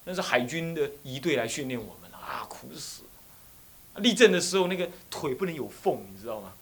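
A man in his thirties, a Buddhist abbot, giving a dharma talk full of animated personal stories and phrases. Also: medium pitch, fast talker, a little hiss or hum. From Taiwan. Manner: animated storytelling, slips into Taiwanese phrases.

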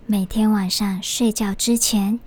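A woman voicing a loving mother in a children's story, gently and patiently explaining in a hushed voice. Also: medium pitch, fairly even intonation, a little slow, background noise, lightly acted. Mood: gentle. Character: loving, caring mother of a little girl.

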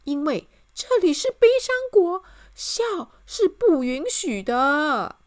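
A tearful king wails in a shrill, sobbing voice, as a woman storyteller puts him on. His voice leaps way up high and swings wildly between shock and crying. It is a children's storybook reading. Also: sing-song, slow, heavily acted. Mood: wailing. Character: weepy, easily shocked male king.

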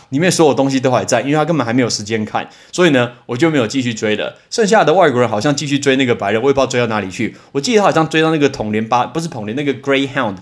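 A man teaching English words on a casual podcast, telling stories with energy and repeating each word slowly for practice. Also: medium pitch. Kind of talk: casual podcast vocabulary lesson.

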